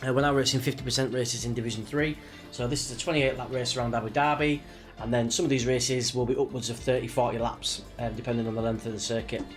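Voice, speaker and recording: Talking fast with few pauses, this British live streamer and sim racer chats casually and rambles to viewers before a race, sniffly from a slight cold. His voice is mid-range with fairly even intonation, and soft background music plays.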